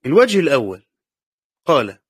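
Reading a text aloud and then explaining it while repeating the key words, an Egyptian-accented man teaches a class on Quran commentary. His mid-range voice is brisk with big pitch swings and a breathy edge, captured dry at studio quality.

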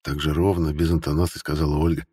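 A male audiobook narrator reading in a measured, even manner. His voice is very deep and husky, and a long reverb trails each line. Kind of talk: scripted narration.

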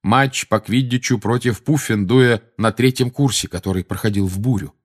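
A man narrating an audiobook in a measured storytelling manner. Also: fairly low pitch, slightly rough. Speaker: audiobook reader. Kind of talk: scripted narration.

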